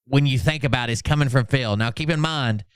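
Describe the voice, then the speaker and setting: Brisk and smooth with a medium pitch, a man hosts a livestream recorded in studio quality with no echo. In casual, sweary chat he heaps sarcastic mockery on social media posts, switching to a mock-dramatic voice when reading them aloud.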